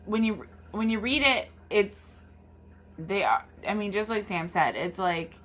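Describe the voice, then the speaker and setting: A woman co-hosting a casual book discussion, halting as she repeats and rewords her phrases. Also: medium pitch, animated, a bit bright. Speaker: book review co-host. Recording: clear background noise.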